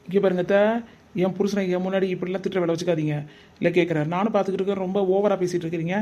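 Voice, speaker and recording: A man's voice: high-pitched, little pitch movement, very fast, mellow, muffled recording. A man voicing a manipulative young wife in a cartoon, sulking, fake-crying and snapping back. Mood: defiant. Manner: whiny, sulky, pointed retorts. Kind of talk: cartoon comedy voice acting.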